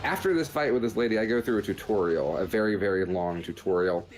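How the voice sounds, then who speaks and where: This podcast host talks fast in a fairly low voice while reviewing a video game. He offers casual commentary over the gameplay, wandering through his explanations with plenty of jokes.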